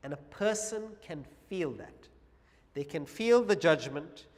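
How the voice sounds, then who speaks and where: High-voiced man lecturing in a hall. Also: lively intonation. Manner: measured, with dramatic pauses and humorous asides. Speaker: lecturer on Vedanta philosophy. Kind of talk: public talk to a live audience.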